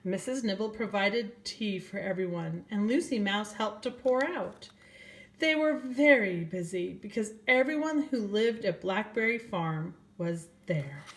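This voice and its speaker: An older woman with an expressive, medium-pitched voice reads a children's story aloud as a grandmother would. She takes it slowly, speaks straight to the young listeners, and asks them questions.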